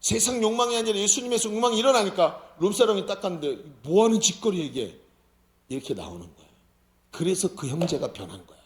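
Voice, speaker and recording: A man's voice: high voice, quick pace. A man preaching a sermon as senior pastor, often asking the congregation questions. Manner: lively, questions the audience often. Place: church sanctuary. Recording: roomy church hall.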